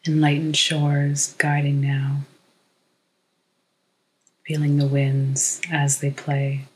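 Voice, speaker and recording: A narrator gives a guided meditation in a hushed, measured voice, reading short poetic phrases with long pauses. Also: medium pitch, monotone, rough recording.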